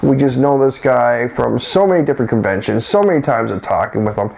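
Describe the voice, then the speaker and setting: Man, co-host, casual chat, rambling, gravelly, mid pitch. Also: lively intonation, a little fast, darkish tone, poor audio. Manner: rambling, restarts often.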